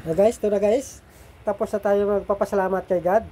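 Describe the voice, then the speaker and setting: Brief: middle-aged food vlogger, mellow and slightly nasal, chatty, keeps checking in with viewers. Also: medium pitch, fairly even intonation, fairly quick, a little hiss or hum. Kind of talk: casual eating and cooking vlog.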